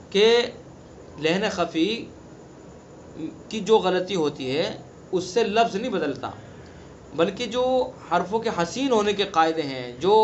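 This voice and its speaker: Male recitation teacher, high voice, patient explainer who slows down to chant example words; dull lo-fi recording with faint hiss. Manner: explains rules plainly, then recites example words slowly and drawn out. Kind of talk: online tajweed lesson. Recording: dull lo-fi sound with faint background noise.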